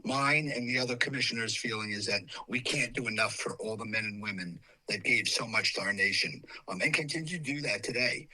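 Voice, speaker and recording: Hoarse, bright-voiced male commissioner. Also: lowish voice, fairly quick, few pauses, low-quality recording. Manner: earnest, many fillers and restarts. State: hoarse from cheering. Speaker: county commissioner. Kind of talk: radio interview.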